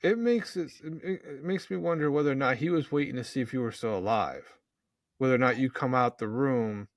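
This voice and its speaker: A man's voice: medium pitch, a little fast, no room sound. Man interviewing, dry close sound. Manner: reflective, offers his own interpretations. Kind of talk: conversational interview.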